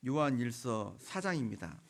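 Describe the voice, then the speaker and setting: A man's voice: mid-range voice, husky. A middle-aged man preaching a sermon, telling a personal story and asking the congregation questions. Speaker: pastor.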